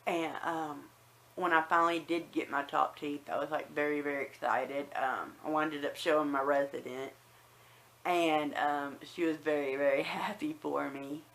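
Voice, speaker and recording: A woman's voice: low voice, steady tone, moderate pace, creaky, fairly bright tone. Chatty woman with a slight whistle. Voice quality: slight whistle on some words from new dentures. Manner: conversational, acts out remembered remarks. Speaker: personal vlogger. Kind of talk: casual chatty personal storytelling.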